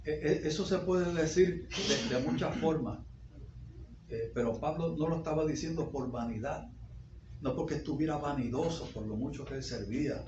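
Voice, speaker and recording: A man preaching a sermon as pastor, repeating phrases and rising to sudden loud peaks. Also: fairly high pitch, moderate pace, background noise. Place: church sanctuary. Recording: echoey dull church recording.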